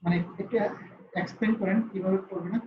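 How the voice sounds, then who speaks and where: A man teaching a class, high-pitched voice for a man, quick delivery, constantly quizzing students and then answering himself. The sound is roomy and a little dull, with a faint hum of ambience behind him. He comes across as a lively question-and-answer teacher on an online call.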